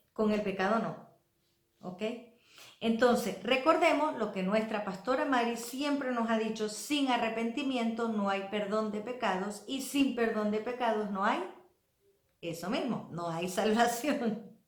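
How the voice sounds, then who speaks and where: A woman's voice: mid-range voice, echoey room. A woman preaching a sermon in a church, earnest and pleading, acting out the voices she quotes. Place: church hall.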